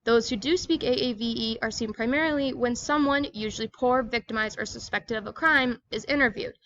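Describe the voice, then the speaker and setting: A woman's voice: on the high side, brisk, a bit bright, dull audio, a little hiss or hum. A woman giving a scripted educational presentation, reading aloud in a plain, explanatory manner.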